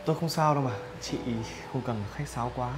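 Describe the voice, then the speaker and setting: An actor playing a kind neighbor who calmly reassures a woman, with music behind. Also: mid-range voice, fairly quick, close to an everyday voice. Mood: reassuring. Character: kind, calm male neighbor. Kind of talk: web drama acting.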